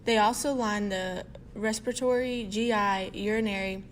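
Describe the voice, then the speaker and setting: A woman, a student presenter, reading out a science explanation in a steady, informative way. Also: medium pitch, moderate pace, a little hiss or hum, rough recording. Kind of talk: read educational explanation.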